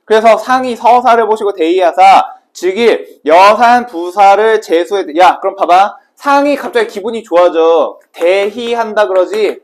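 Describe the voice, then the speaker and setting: A man with a fairly high voice teaches literature in a brisk, chatty way. He keeps firing questions at the class and answers them himself before moving on. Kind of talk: exam prep lecture.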